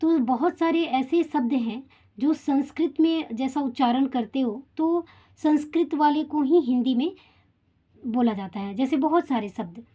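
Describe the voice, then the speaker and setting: A woman's voice: high-pitched, a little slow, mellow. A woman teaching a Hindi grammar lesson to children, speaking to them directly and often checking in with short tag questions. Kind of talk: explaining a school grammar lesson.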